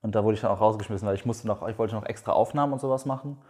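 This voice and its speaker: Young male co-host, lowish pitch, relaxed and conversational. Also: very fast. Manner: relaxed, chiming in with short agreements. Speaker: podcast co-host. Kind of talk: casual chat.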